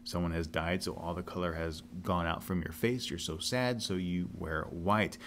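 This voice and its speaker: Man, podcast host, low voice, chatty, faint background hiss. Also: steady tone, moderate pace. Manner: chatty, bursts up loud and high when addressing listeners. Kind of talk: casual podcast talk.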